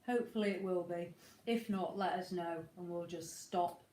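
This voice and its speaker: This motorhome live chat co-host has a lowish voice that stays steady at a moderate pace, though her cold makes it slightly snotty. Speaking indoors at home, she rambles chattily and welcomes viewers warmly. The iPad recording carries a roomy echo.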